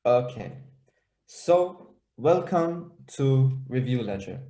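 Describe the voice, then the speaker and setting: A man's voice: mid-range voice, lively intonation, takes it slowly, warm tone, roomy sound. A young man from Denmark and Israel, a startup founder presenting on a video call, talking hesitantly with many fillers and restarts.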